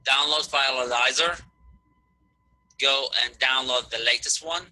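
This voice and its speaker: A man with a piercing, very bright voice lectures an online class through his computer mic. He talks in halting pieces and repeats himself. His audio comes through choppy, with words cutting out on an unstable internet link. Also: mid-range voice, fairly even intonation, low-quality recording. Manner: halting, repeats and restarts phrases. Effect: choppy audio cutting out on a bad internet connection. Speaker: instructor. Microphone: computer mic on a video call.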